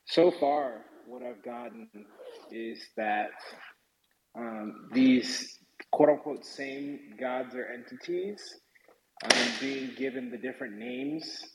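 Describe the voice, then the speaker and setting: A man's voice: medium pitch, sing-song, slow, gravelly. A man in an online group chat talks in a casual, thinking-aloud way with many fillers. He is in a room with a big echo, so he sounds far off. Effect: big echoing room, voice sounds far off. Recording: echoey hall with noise, heard from afar.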